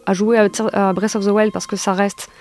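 A woman's voice: medium pitch, brisk, soft background music. A woman guest on a French talk show, chatting casually about a video game with frequent fillers. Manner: relaxed, hesitant with fillers, explaining. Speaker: guest gamer.

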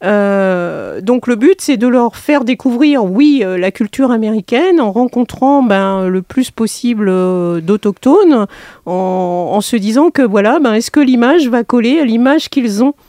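A woman's voice: a little high, expressive, a little slow, warm tone, no echo, clean studio sound. A woman teacher being interviewed about a school trip, talking with many fillers and restarts. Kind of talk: radio interview.

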